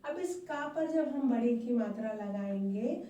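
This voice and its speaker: A woman's voice: on the high side, animated, measured pace, dark tone, highs cut off. A woman teaching a primary school language class in a recorded video lesson. She is patient and repetitive, asks the pupils questions and answers them herself, and calls them "beta". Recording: echoey room, voice far from the mic, faint hum.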